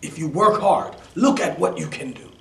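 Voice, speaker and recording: A man's voice: a little high, animated, normal speed, creaky, sharp tone, recorded from a distance, exaggerated voice. A man voicing a cruel, demanding stepmother in a storybook reading, speaking sternly and dropping to threatening whispers. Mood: scolding. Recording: roomy echo, voice off-mic.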